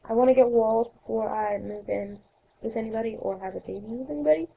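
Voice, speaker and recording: A young woman hosting a let's play, chatting through her gameplay with a raspy voice that has a cold in it and a rambling way of correcting herself. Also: on the high side, quick pace, narrow, tinny audio, a little hiss or hum. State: coughing, sore throat. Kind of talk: casual gameplay narration.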